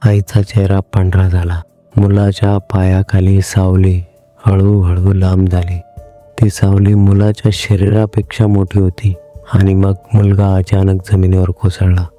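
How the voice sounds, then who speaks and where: A man telling a horror story in a measured, suspenseful way. His voice is low and very dark, and faint music plays underneath. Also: monotone. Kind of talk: scripted horror narration.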